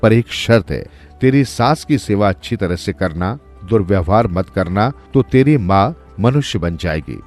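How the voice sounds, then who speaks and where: A man's voice: fairly low pitch, expressive, measured pace, a little mellow, soft background music. A man voicing the stern god Mahadev. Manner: stern, pronouncing judgment. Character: stern god Mahadev, judging and granting boons.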